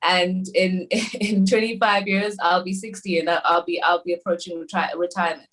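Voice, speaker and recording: A woman's voice: on the low side, steady tone, moderate pace, a bit bright, low-quality recording. A woman in her thirties from South Africa, a bank panelist explaining savings at length on a webinar panel, with many fillers and restarts. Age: 30s.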